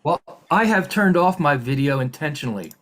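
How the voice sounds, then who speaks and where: A man's voice: fairly high pitch, expressive, brisk, a bit bright. A man working as a hearing examiner, running formal proceedings over a video call in a polite, methodical way with frequent fillers and restarts.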